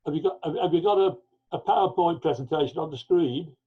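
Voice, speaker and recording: A man's voice: a little high, fast, husky. A man speaking as a guest speaker on a video call, hesitant and repeating words, his voice coming through clipped, muffled, phone-like call audio. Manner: hesitant, repeats words while working out the controls. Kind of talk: unsure chat about sharing his screen. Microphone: computer on a video call. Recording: muffled lo-fi call line, distant from the mic.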